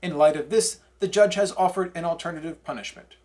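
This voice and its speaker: A man reading a scripted parody newscast as its anchor, with a deadpan newsreader delivery. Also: a little high, brisk. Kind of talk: scripted mock newscast narration.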